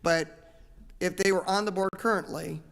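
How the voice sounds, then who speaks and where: A man's voice: high-pitched, fairly even intonation, normal speed, vocal fry, a bit bright, clear, resonant tone. A man on a charter commission, earnestly explaining his reasoning at length in a public meeting discussion. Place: large council chamber. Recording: echoey meeting room.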